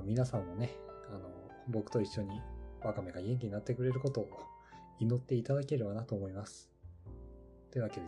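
A man casually introducing a podcast segment, easygoing and full of hesitant fillers. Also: fairly low pitch. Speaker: podcast co-host.

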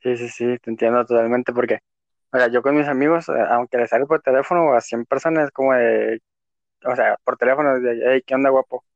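A man with a Mexican accent chats in a loose, slangy manner, full of swearing and filler words. His voice is mid-pitched. The sound is dull and lo-fi, with no room echo. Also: fairly even intonation, fairly quick. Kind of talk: casual chat. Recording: dull lo-fi recording.

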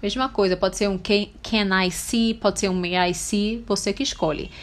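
A woman with a Brazilian Portuguese accent teaching English phrases, repeating each model sentence slowly and clearly. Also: medium pitch, steady tone.

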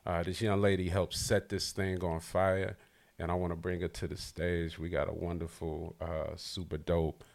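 A man's voice: deep voice, level tone, normal speed, vocal fry, darkish tone. A man hosting a casual hip-hop podcast, talking loosely and hyped with lots of slang. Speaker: podcast host. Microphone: livestream podcast setup.

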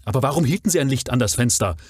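A man's voice: mid-range voice, lively intonation, very fast, breathy edge, no room sound, studio quality, pitched above the performer's own voice. A man reading aloud, voicing a stern male nobleman who angrily commands and interrogates his servant. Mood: angry. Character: stern indignant male nobleman, master of the house.

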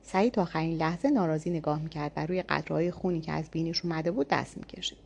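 A woman with a fairly low voice narrating a first-person audiobook. She reads calmly and evenly, keeping a steady tone through the story. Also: vocal fry, husky.

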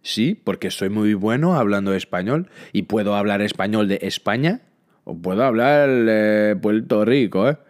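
A man's voice: fairly low pitch, expressive, normal speed, natural voice. Man putting on boastful Portuguese-Spanish mix. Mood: playful, boastful. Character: man showing off his Spanish, cheerfully boastful. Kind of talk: playful language imitation in a podcast.

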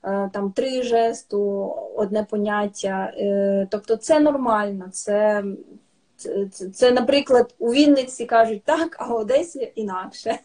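A woman's voice: a little high, measured pace, a little mellow. A Ukrainian woman patiently teaching signs in a casual podcast chat, with many fillers and restarts. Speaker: sign language teacher, guest.

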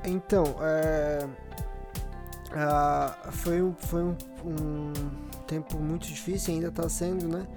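A man's voice: fairly high pitch, level tone, slow. Brazilian man thinking aloud over music. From Rio Grande do Sul, Brazil. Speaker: podcast guest, drummer in an independent band. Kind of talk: casual chat, slangy.

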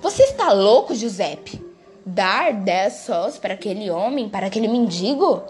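A woman voicing a stern, quick-tempered middle-aged mother who scolds sharply under her breath, read over faint music. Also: fairly high pitch, animated. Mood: indignant.

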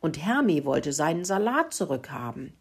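A woman's voice: deep voice, sing-song, moderate pace, slightly rough, heavily acted. A woman voicing a bossy little female mouse who lectures in a storybook reading. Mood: lecturing. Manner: lecturing, explaining.

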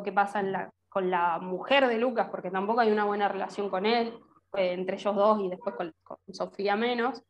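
A woman with an Argentine accent, a podcast guest chatting in a lively, joking way. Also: medium pitch, dull audio. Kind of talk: casual chat.

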